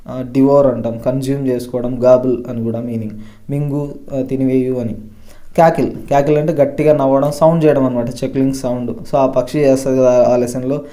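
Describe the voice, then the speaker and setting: A man teaches English vocabulary at a steady pace. His voice is mellow and dark at a middle pitch, and he stresses each new word before he explains it. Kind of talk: vocabulary lesson explained in Telugu.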